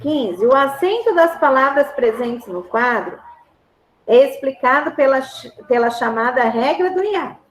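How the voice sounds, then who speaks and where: Brazilian female schoolteacher, unhurried and patient, roomy sound. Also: high voice, expressive. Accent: Brazilian Portuguese. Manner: patient, repeats and checks understanding. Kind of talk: grammar lesson to a class. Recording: roomy echo.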